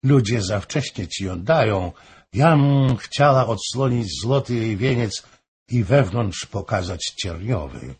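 A man's voice: fairly low pitch, lively intonation, husky, heavily acted. A man voicing a frail grieving noblewoman. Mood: grave pleading. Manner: slow, solemn, pleading. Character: fallen noblewoman, pale, weak, grieving, warning. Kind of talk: audiobook reading.

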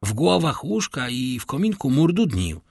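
A servile old doorkeeper from a classic tale, eager to please and quick to chatter, as an audiobook narrator puts him on. The voice is husky and dry, bowing and scraping with every answer. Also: male voice, mid-range voice, big pitch swings, a little mellow, no room sound, pitched above the performer's own voice, exaggerated voice. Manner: servile and deferential. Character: humble, eager, talkative old prison doorkeeper.

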